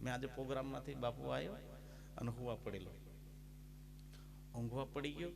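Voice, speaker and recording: Backed by live instrumental music at a devotional gathering, a man with a Gujarati accent tells spiritual stories in a folksy, humorous way and breaks into sung verses like a bhajan singer. His gravelly voice is medium in pitch, steady in tone and moderate in pace, and the background is noisy.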